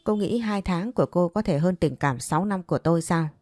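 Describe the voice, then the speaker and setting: A woman's voice: fairly low pitch, brisk, a little mellow, no room sound, close to an everyday voice. A woman voicing a spiteful, scheming young woman who taunts and whines, in a narrated audio story. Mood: taunting. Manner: taunting, whiny.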